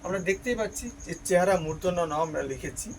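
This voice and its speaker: A man's voice: sits high, quick pace, a little hiss or hum, low-quality recording. A man teaching a grammar lesson, who explains each step patiently, repeats key terms, and asks questions that he answers himself.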